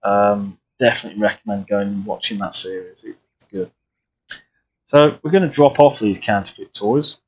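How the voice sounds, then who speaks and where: A man's voice: fairly low pitch, normal speed, lo-fi sound, slight background noise. A man chatting casually and rambling through live flight sim commentary, often restarting his sentences. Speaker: streamer.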